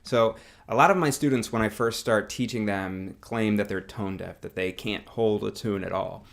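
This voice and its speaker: A man teaching singing with a guitar, explaining in a relaxed, casual way, with guitar playing under his voice. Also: fairly low pitch, normal speed, vocal fry. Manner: relaxed explaining, demonstrating on guitar, hums along with notes. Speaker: music teacher.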